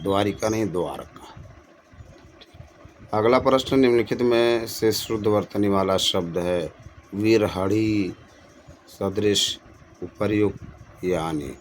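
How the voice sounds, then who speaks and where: A man with a deep, low voice teaches an exam-prep lesson as the host of his own channel. He greets viewers as friends and works through each question, repeating the correct form to drive it home. Faint noise hums behind him.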